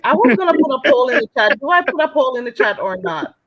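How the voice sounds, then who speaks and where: A woman speaks casually as she moderates a group chat. Her voice is high, with lively movement in pitch. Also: quick pace, highs cut off.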